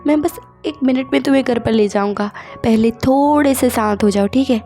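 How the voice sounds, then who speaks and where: Woman voicing a gentle, soothing young man. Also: fairly high pitch, soft background music, natural voice. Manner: soft, slow and calming.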